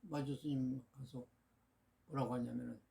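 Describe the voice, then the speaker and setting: A man's voice: mid-range voice, steady tone, normal speed, vocal fry, dark tone. A man, a Buddhist monk, giving a dharma talk and retelling Zen anecdotes as he acts out the dialogue. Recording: noisy recording with clicks.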